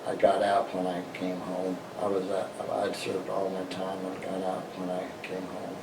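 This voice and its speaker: An older American man, a veteran, remembering his past in an interview in a halting, plain-spoken way. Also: low voice, completely flat delivery, gravelly. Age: older, 60s or above. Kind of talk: personal reminiscence in an interview. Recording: roomy, distant mic, noisy background.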